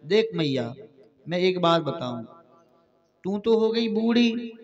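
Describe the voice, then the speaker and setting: A man's voice: high-pitched, sing-song, takes it slowly, muffled recording, full character voice. A man voicing the mischievous child Krishna, full of coaxing excuses, with a Bundeli accent. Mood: pleading. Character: mischievous little boy Krishna, sweet-talking.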